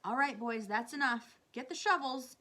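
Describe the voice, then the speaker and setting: A woman voicing boisterous, wispy male cloud creatures in a storybook, shouting and bossy. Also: high voice, moderate pace, pitched above the performer's own voice. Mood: bossy command.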